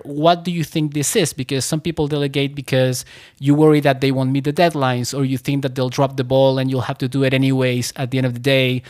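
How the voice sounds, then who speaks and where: A man hosting a podcast interview, friendly and loose in his phrasing, and quick to laugh along. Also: mid-range voice, a little mellow. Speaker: podcast host.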